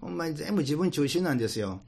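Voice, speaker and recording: A man with a Kansai accent telling stories in relaxed conversation, musing slowly with many fillers. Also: fairly high pitch, creaky, breathy edge. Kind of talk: conversational talk.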